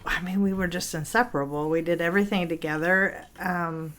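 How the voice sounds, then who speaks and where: Soft-spoken middle-aged woman, low voice. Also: steady tone, fairly quick. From Indiana, USA. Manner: soft, brief, agreeable answers. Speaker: guest, host's mother. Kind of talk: casual interview chat.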